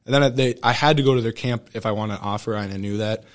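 A young American man with a slightly low voice speaks as an athlete guest in a casual interview. He is earnest and informal, rambling through his anecdotes. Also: fast. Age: young adult. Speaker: podcast guest, student athlete.

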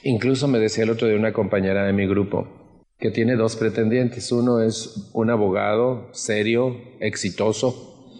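A man's voice: on the low side, fairly even intonation, moderate pace, darkish tone, in a large hall. A middle-aged Mexican man with a Mexican Spanish accent gives an earnest personal testimony at a support group meeting, often putting questions to the audience.

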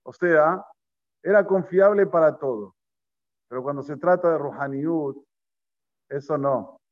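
Rabbi guy w/ giving a torah class, kinda high voice, dull lo-fi sound. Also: unhurried. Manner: storytelling, poses questions to listeners, mixes in Hebrew terms. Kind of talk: Torah class to a live group. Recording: lo-fi recording.

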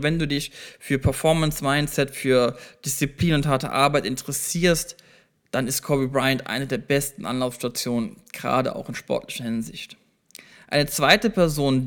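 On his solo self-improvement podcast, a man speaks directly to the listener and explains things step by step, motivational and conversational with small restarts. His voice is medium in pitch and a bit bright.

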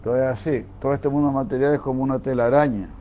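A man delivers a sermon in a mellow, relaxed voice. He tells stories and repeats phrases for emphasis. The recording sounds dull and lo-fi, with faint noise behind it. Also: medium pitch, fast. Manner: storytelling, emphatic repetition. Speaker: preacher.

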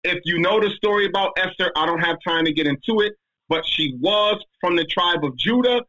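A man holds forth in a casual discussion, emphatic and slangy, his voice pitched high and bright. The tone is husky, and he speaks with lively conviction. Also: fairly quick, muffled recording. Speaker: speaker answering a question.

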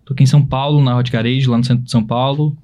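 A man at an ordinary pitch talks about his DJ sets in a loose, casual way. He leans on filler slang and a relaxed rhythm. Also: quick pace. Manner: laid-back slangy talk. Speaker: DJ guest. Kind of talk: casual interview chat.

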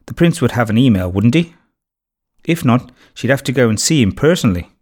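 A man's voice: medium pitch, brisk. Man narrating a children's storybook. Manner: steady, clear storytelling.

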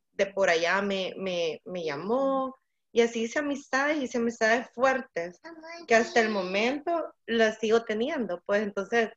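A woman from El Salvador chatting as a guest, reflective and rambling. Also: fairly high pitch. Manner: reflective, talks in loose rambling sentences. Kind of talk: casual chat. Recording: dull lo-fi audio.

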